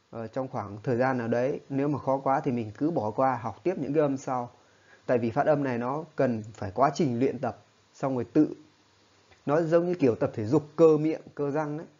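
A man gives a spoken lesson at a middle pitch. He explains patiently and keeps checking that his listeners follow along. The recording sounds a little dull and lo-fi. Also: warm tone. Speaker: English teacher.

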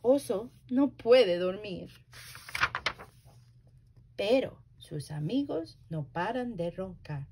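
A woman working as a library storyteller, reading a children's story aloud slowly and very expressively. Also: mid-range voice, animated, background noise.

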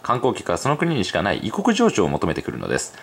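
A man's voice: lowish voice, huge pitch swings, husky. A man reading an online article aloud to his channel and breaking off to comment, musing with many fillers when he goes off script. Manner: reads at a brisk clip, then muses aloud with many fillers. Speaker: YouTube commentator.

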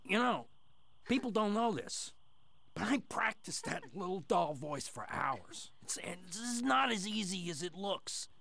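An actor voicing a smug, foul-mouthed, gleefully sadistic killer doll with a raspy voice, giving gloating in-character commentary on a film. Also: male voice, high voice, big pitch swings, unhurried, sharp tone, exaggerated voice. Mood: boastful. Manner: gloating, sardonic, profane.

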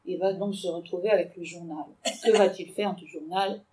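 A woman giving an animated book talk to an audience, with hesitations as she summarizes the plot. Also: fairly low pitch, normal speed. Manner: animated, digressive, with frequent hesitations. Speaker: literature lecturer. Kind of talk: book talk with read-aloud excerpts. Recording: echoey room, mic far off.

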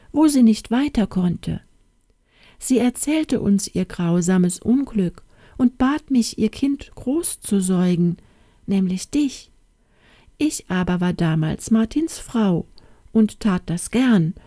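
A woman voicing an old hen in a fairy tale reading, pleading at first and then confiding in a gossipy, sometimes hushed way. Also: mid-range voice, dry recording, clean studio sound. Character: old hen, pleading then chatty nurse who tells secrets.

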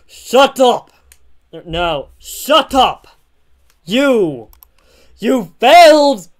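A man voicing an angry young male hero who shouts at a villain. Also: on the high side, very animated, slow, heavily acted. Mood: outraged. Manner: shouting, outraged. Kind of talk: amateur voice acting on a livestream.

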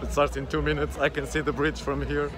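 A man's voice: on the high side, flat delivery, a little fast. A man in his twenties talking casually to camera, filming himself outdoors on a phone held at arm's length. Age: 20s. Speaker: vlogger. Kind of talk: casual vlog talk to camera. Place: outdoors by a road. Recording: noisy outdoor handheld phone recording.

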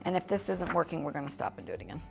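A woman's voice: sits low, very animated, rapid-fire, vocal fry, a little mellow, soft background music. A middle-aged American woman teaching a children's church lesson in a classroom, chatty and informal, with easy laughs. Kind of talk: casual teaching demonstration. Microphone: fixed camera, mid distance.

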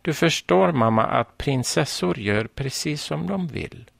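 A man's voice: fairly high pitch, lively intonation, gravelly, no echo, pitched above the performer's own voice, heavily acted. A man voicing a solemn, stubborn little girl who insists she is a princess, in a children's story. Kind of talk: storybook reading.

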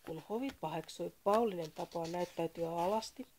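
A woman's voice: on the low side, a little mellow, slight background noise. A woman reading a comic story aloud in a dry, matter-of-fact manner.

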